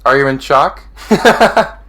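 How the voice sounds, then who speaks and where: A man moderates a livestream and brings callers into the chat. His voice sits mid-pitched but swings around a lot. He talks in an upbeat, chatty way. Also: animated, slow, a bit bright.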